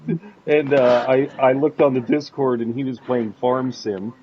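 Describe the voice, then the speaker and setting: A man's voice: mid-range voice, steady tone, moderate pace, dark tone. A man co-hosting a casual podcast, rambling and joking, often laughing. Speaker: podcast co-host. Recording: slightly dull lo-fi sound with faint noise.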